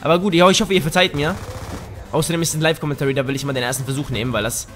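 Young man, live gameplay commentary, rambling and joking, sudden loud shouts, slightly high voice. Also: steady tone, rapid-fire, soft background music. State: just woke up. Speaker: gaming YouTuber. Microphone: headset.

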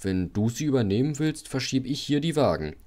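A man's voice: mid-range voice, animated, a little fast, a little mellow, lightly acted. A man voicing a friendly, helpful small locomotive in an audiobook. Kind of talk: audiobook character voice.

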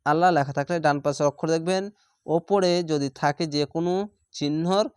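A man teaching Quran reading, sounding out each letter and syllable slowly and patiently in a step-by-step lesson. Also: on the high side, fairly even intonation, darkish tone, smooth, no echo, studio quality. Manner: slow, drawn-out syllable-by-syllable recitation.

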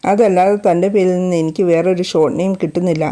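A woman voicing a kind, joking young husband in a storybook reading, speaking softly and affectionately. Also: sits high, fairly even intonation, fast talker, natural voice. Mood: tender. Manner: soft, affectionate.

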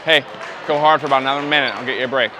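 A male basketball coach on a body-worn mic, shouting short commands to his players during a game and talking more calmly in huddles. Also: medium pitch, racing. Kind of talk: mic'd-up courtside coaching. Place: indoor gym during a game. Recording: game crowd and gym noise.

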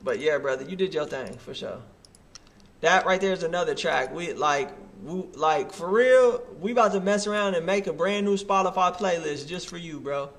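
A man in his thirties hosting a music review stream, reacting in casual, animated street slang. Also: fairly high pitch, moderate pace. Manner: hyped, animated, full of slang like bruh. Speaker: host of a music review livestream.

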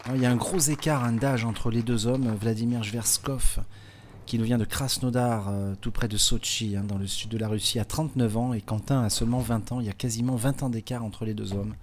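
A male bowling commentator talks conversationally, explaining every shot over light background noise. His medium-pitched voice is steady, fairly quick, and a little mellow, and his chatty explanations are full of "hein" and "euh" fillers.

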